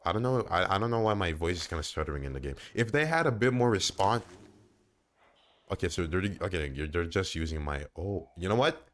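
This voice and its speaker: A young man giving let's-play commentary on a horror game, animated and talking back at the screen. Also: deep voice, brisk. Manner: animated, talks back to the game, exclaims and repeats himself. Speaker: gamer playing a horror game.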